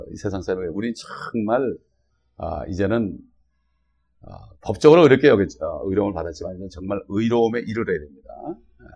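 A man's voice: lowish voice, a little mellow. A man preaching a sermon in a conversational way, often checking with the congregation as he speaks. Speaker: pastor.

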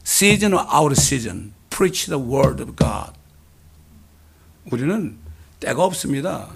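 A man preaching a fervent sermon as a pastor, swinging between loud exclamations and quiet asides. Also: mid-range voice, big pitch swings, very slow, gravelly, husky.

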